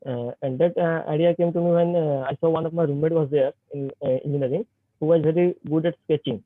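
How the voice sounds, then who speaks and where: A man's voice: fairly high pitch, steady tone, quick pace, dry recording. A young man in his twenties with an Indian accent speaks to students over a bad video-call connection, hesitant and full of fillers. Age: 20s. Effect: bad connection on a video call, voice breaking. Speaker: guest speaker, startup founder. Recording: tinny lo-fi call line, dry.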